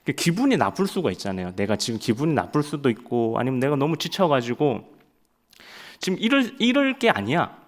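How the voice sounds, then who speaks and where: A young man preaching a sermon, telling stories in an animated way and acting out loud quotes. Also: mid-range voice, a little fast. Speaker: evangelist preaching at a Friday night prayer service.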